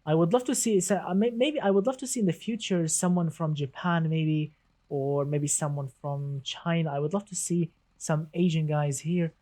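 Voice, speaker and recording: A man's voice: a little high, steady tone, moderate pace, dark tone. Chatty enthusiastic man hosting a stream. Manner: chatty, enthusiastic, reads chat aloud, repeats "awesome". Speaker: live-stream host. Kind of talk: casual gaming live stream.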